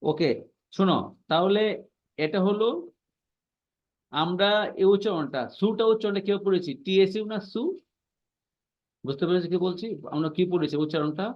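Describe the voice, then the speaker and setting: Male language teacher, fairly high voice, patient and repetitive, checks understanding often; muffled online-class audio. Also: normal speed, pauses often. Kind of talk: online class explaining pronunciation.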